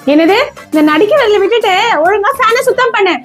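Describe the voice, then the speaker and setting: Woman doing a bossy scolding mum, very high voice, faint music. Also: lively intonation, a little fast. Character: scolding mother, strict with daughter, doting on baby. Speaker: mother Sarala. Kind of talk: comedy skit dialogue.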